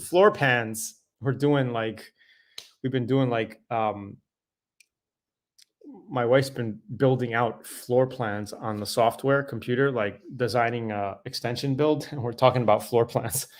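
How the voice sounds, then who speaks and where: A middle-aged man hosting a casual live Q&A, answering viewer questions in a loose, conversational way with fillers and self-corrections. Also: medium pitch.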